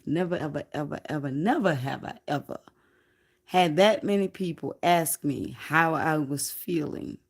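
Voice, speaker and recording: A woman livestreaming, telling a spiritual story in a slow, reflective, casual way with some swearing. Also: low voice, creaky, a little mellow.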